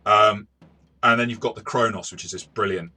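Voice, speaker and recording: A man with a fairly low voice and a sharp tone talks at a moderate pace while acting as game master in a tabletop game review. His delivery is hesitant and stop-start, and he often repeats words as he goes.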